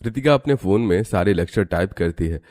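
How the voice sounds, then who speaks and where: A man narrating an animated cartoon story in a steady storytelling manner. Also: low-pitched, brisk.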